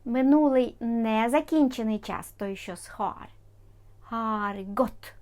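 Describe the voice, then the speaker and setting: Brief: female tutor, slightly high voice, unhurried, drills words over and over. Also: a little mellow. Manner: careful, repeats foreign words for practice. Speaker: language teacher. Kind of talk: slow explanatory language lesson.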